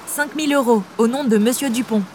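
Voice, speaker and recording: A woman's voice: on the high side, brisk, a little mellow, slight background noise, lightly acted. A woman voicing a bank customer in a scripted lesson dialogue, speaking politely and formally.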